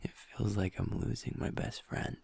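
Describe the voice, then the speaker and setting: In an intimate audio roleplay, a man plays a gentle young werewolf boyfriend who's normally cheerful but now feels low. Speaking softly close to the mic in a natural voice, often half-whispering, he pauses and restarts as he confides, sounding vulnerable.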